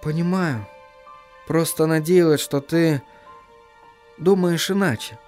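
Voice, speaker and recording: A man acting a cheerful young woman in an audiobook. His voice lifts higher and lighter, coaxing and lively. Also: normal speed, faint music behind. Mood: quiet.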